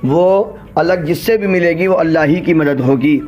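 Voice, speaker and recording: A man giving a patient religious lesson, explaining each phrase and drawing out recited verses slowly. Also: fairly high pitch, darkish tone. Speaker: religious teacher. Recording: dull lo-fi recording.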